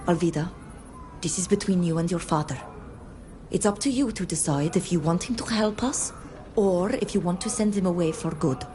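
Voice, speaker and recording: A woman's voice: fairly low pitch, normal speed, mellow, lightly acted. An actress playing a level-headed, diplomatic female adventurer in a video game. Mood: advising. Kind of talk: video game dialogue acting.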